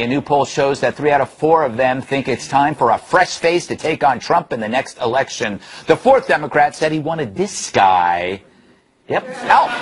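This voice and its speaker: A man's voice: mid-range voice, noisy background. A man hosting a comic panel talk show in a studio, sardonic and joking. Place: television studio.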